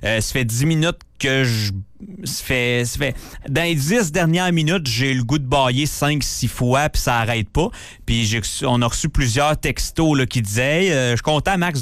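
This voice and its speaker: A man's voice: mid-range voice, fairly bright tone, dry recording. A man with a Québécois accent hosting a radio show in casual, chatty style. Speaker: radio host. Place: radio studio.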